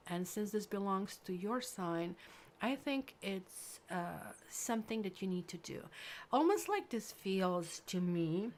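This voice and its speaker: A woman, giving a rambling, chatty tarot reading to camera, full of fillers. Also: medium pitch. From Croatia. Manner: chatty, rambling, full of "like" and "kind of", lively bursts. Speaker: tarot reader.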